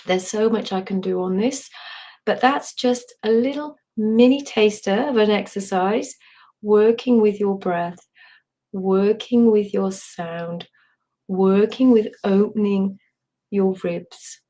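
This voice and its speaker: A somatic voice and movement teacher, her voice hoarse and partly lost, gently guides a live online voice and breathing workshop. She speaks slowly at medium pitch, meandering with restarts and asides.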